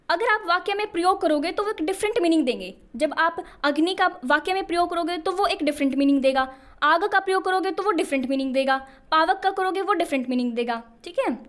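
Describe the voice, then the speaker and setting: A woman with a high voice teaches an exam-prep lesson. She explains each point patiently and keeps checking in with her students as she goes.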